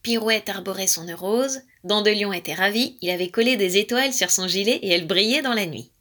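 A woman reading a children's animal story aloud, expressive and lively. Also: medium pitch, brisk.

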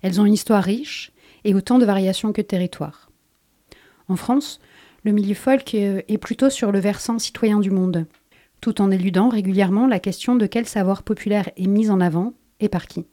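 A woman with a mellow, darker voice reads her prepared radio column. She keeps a measured, pointed delivery throughout, steady in pitch and level.

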